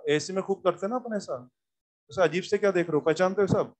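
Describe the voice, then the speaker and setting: High-voiced chatty male physics teacher. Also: brisk, a little mellow. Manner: chatty, coaxing, repeats key points and questions students. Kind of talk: classroom lecture.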